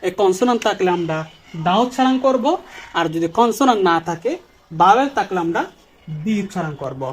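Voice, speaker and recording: A male English teacher giving a short lesson at a board, lively, repeating key words and asking and answering his own questions. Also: high voice, fairly quick. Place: classroom with a board.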